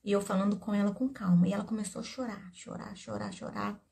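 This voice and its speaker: Gravelly Brazilian woman giving earnest advice. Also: mid-range voice, fairly even intonation, fast talker, dark tone. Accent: Brazilian Portuguese. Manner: earnest, storytelling, addresses viewers directly. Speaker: therapist. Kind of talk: casual advice talk to camera.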